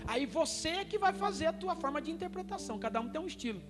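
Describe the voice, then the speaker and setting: A man with a Brazilian accent preaching an evangelical sermon as a pastor, telling stories and building to loud, fervent peaks. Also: extremely high pitch, animated, fast talker. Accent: Brazilian Portuguese. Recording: music in a reverberant hall.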